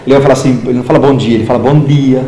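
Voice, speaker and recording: Recorded in an echoing, roomy space with slight background noise, this man speaks at medium pitch and a rapid-fire pace. He's a fifty-something literature teacher from inland São Paulo state, Brazil, spinning stories in a casual interview and voicing other characters with animation.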